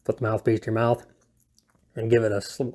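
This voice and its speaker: A man with a fairly low, fairly monotone voice talks briskly and warmly, with a slight hiss or hum in the background. He's a video presenter at home giving a casual, unscripted hobby how-to, rambling along in a hesitant, self-deprecating, laid-back way.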